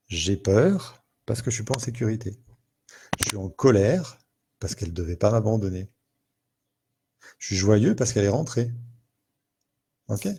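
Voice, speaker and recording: A man's voice: lowish voice, warm tone, slight background noise. A man speaking as a therapist in a live talk, thinking aloud, repeating words and acting out everyday scenes to explain emotions.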